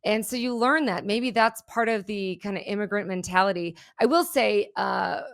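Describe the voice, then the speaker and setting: A middle-aged native German speaker from Germany, this woman has a mid-range, creaky voice and a moderate pace. She's a keynote speaker and entrepreneur, telling her story energetically and candidly as a guest in a podcast interview.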